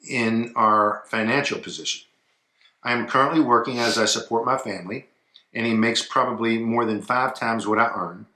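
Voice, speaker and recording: A man co-hosting a casual advice chat, talking in a relaxed way that trails off quietly, and reading a viewer's email aloud. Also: mid-range voice, reverberant. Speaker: co-host of an advice show.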